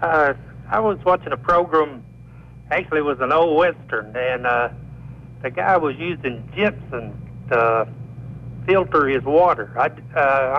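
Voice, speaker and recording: A man's voice: a little high, a little hiss or hum. Hesitant man calling in on a phone line. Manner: hesitant, many filler pauses. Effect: caller heard over a phone line. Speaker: radio show caller. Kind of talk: casual call-in question. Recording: slightly dull phone line.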